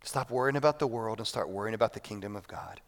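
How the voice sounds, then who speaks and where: A man, a pastor preaching a sermon, moving between hushed moments and loud appeals. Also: lowish voice, quick pace. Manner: preaching with big swings between quiet and loud. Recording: long reverb of a hall.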